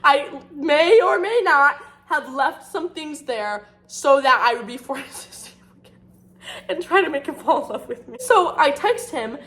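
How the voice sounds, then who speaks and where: A young woman talks straight to her audience in a casual storytime vlog. Her voice sits a little high, and she rambles with constant fillers and pokes fun at herself as she goes. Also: expressive, normal speed, fairly bright tone. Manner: rambling, filler-heavy, self-mocking. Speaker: vlogger.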